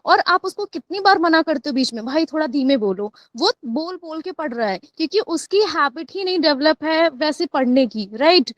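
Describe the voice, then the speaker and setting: A woman's voice: sits high, animated, normal speed, few pauses, no echo, lo-fi sound. A woman taking part in an online class, sharing her points at length and switching between Hindi and English. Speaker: participant.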